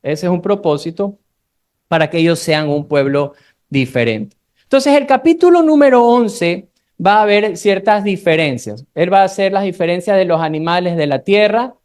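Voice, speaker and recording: A preacher from Ecuador with a Guayaquil accent, giving a Bible study sermon, reading scripture slowly and adding friendly asides to the congregation. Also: medium pitch, expressive, a little mellow. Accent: Guayaquil Ecuadorian Spanish. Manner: slows down when reading scripture aloud, conversational asides to the congregation.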